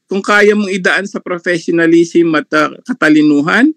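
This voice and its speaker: High-voiced man, mocking laughter. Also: normal speed, fairly bright tone, dry recording. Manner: mocking, laughs often between remarks. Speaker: debate panel commentator. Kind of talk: online live panel commentary.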